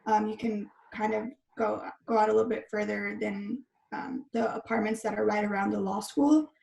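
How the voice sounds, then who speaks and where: Young woman with a gravelly voice. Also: medium pitch, fairly even intonation, normal speed, darkish tone. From Texas, USA. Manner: casual, filler-heavy. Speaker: law student. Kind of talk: casual interview answers. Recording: roomy echo.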